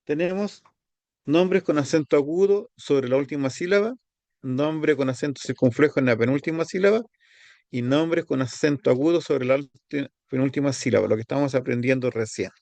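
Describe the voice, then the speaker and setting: A man's voice: mid-range voice, gravelly, a little mellow, no room sound. Dry-voiced man teaching Greek grammar. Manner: explains step by step, repeats words slowly, pauses to find his page. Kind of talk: seminary lesson on Greek grammar.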